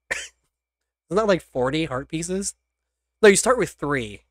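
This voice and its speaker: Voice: mid-range voice, very animated, takes it slowly, dry recording, studio quality. A game master narrating a tabletop role-playing game in a casual chat, laughing often between lines. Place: home streaming setup.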